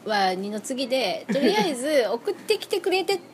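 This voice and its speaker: A woman hosts a casual radio chat show, reading out listener submissions and mulling them over. Her voice sits somewhat high and swings widely in pitch. She is playful and unhurried and trails off into long fillers, with a faint hiss under the sound. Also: very animated.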